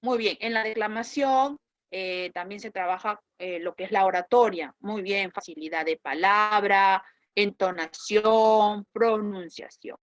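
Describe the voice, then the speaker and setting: A woman teacher with a Peruvian Spanish accent explains a lesson in an online class, asking her students questions and checking with "¿correcto?". Her medium-pitched voice has fairly even intonation and an unhurried pace, and the recording is dry.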